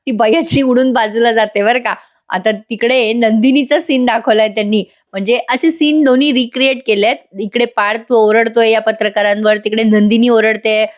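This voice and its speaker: A woman's voice: on the high side, steady tone, moderate pace. A woman doing a chatty voice-over review of a TV serial episode, talking straight to her viewers. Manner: chatty, addresses viewers directly.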